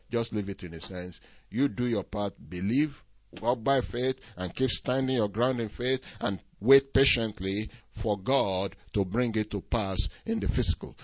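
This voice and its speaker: A man preaching a sermon, shifting between quiet stretches and loud emphasis and drawing out key words. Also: mid-range voice, dry recording. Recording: dull, dry lo-fi recording.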